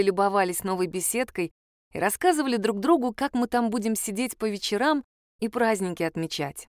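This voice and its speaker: A woman narrating a first-person story in a lively, wry way, often indignant. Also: medium pitch, dry recording, clean studio sound.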